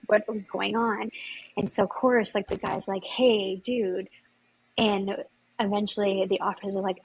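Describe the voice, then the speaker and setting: A woman's voice: mid-range voice, gravelly, a little hiss or hum, poor audio. A woman from Ontario, Canada, a podcast guest telling a story in a rambling, casual way, full of "like". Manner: rambling, fills speech with "like". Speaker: podcast guest, former yacht chief stew.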